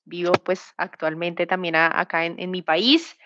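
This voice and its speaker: Colombian woman in her thirties, halting. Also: on the low side, little pitch movement, noisy background. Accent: Bogotá Colombian Spanish. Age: 30s. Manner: hesitant, many fillers and restarts. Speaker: guest. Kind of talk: conversational interview. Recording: dull lo-fi remote audio.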